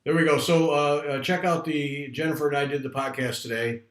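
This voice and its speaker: A man hosting a casual livestream chat, talking in a rambling, chatty way from a room at home that is not soundproofed, so his voice comes back with a clear room echo. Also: on the high side, brisk, fairly bright tone, a little hiss or hum. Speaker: host. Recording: echoey unsoundproofed room.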